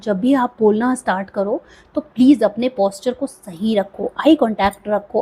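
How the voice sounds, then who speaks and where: Husky young woman giving encouraging speaking tips. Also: a little high, a little mellow. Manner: encouraging, conversational, frequent "theek hai" check-ins. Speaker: speaking coach, video creator. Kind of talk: motivational tips talk to camera.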